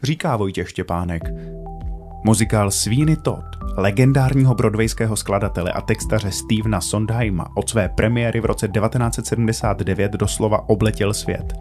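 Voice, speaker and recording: A man presenting a culture news report as measured, formal scripted narration. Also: fairly low pitch, a little mellow, soft background music.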